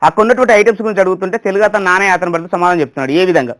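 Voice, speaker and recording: A man, a mimicry artist telling comic stories in quick narration and switching into different voices. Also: high-pitched, a bit bright.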